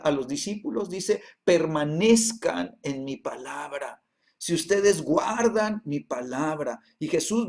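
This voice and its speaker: A man teaching a Bible class, reading verses slowly and then explaining them with many hesitations and repeated tag questions. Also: a little high, creaky, a little mellow.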